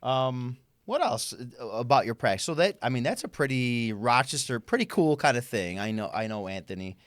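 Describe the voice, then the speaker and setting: A man asks easygoing questions as the host of a casual podcast interview. His pitch moves lively up and down in a mid range. The sound is dry and close to the mic. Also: moderate pace, dry recording.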